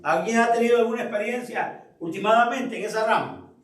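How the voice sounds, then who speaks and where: A man's voice: extremely high pitch, a little fast. A man leading a church Bible study, speaking reflectively and asking the group questions. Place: church room. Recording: echoey room, voice from far off.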